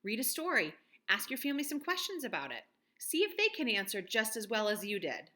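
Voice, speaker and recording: Brisk and very animated, a woman in her thirties runs a read-aloud lesson from a room at home, the way an elementary school teacher would, cheering children on with simple, direct questions. Her slightly high voice comes across bright and forceful.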